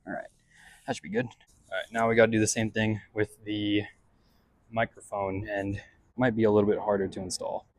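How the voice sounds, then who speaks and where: A man's voice: on the low side, little pitch movement, a little fast, dry recording. A man casually narrating his hands-on car install as a vlog host, thinking aloud in a laid-back, slangy way. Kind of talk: casual narration while working on a vehicle. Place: in and around a pickup truck.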